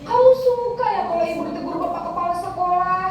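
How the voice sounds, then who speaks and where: Role-play: woman acting as a nagging teacher, very high and loud, echoey room. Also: fast, background noise. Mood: guilt-tripping. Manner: shrill, scolding, nagging. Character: stern, scolding female schoolteacher. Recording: echoey room, voice far from mic.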